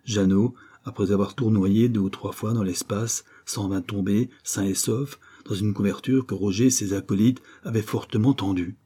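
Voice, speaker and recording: A man reading a serial novel aloud as audiobook narrator, measured and literary. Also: on the low side, fairly even intonation, mellow, slightly rough. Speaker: audiobook reader.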